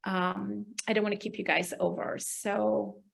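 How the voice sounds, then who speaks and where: A woman gastroenterologist answering viewer questions on a live video stream, explaining medical terms in an animated, friendly way. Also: mid-range voice, unhurried, vocal fry. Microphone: video call.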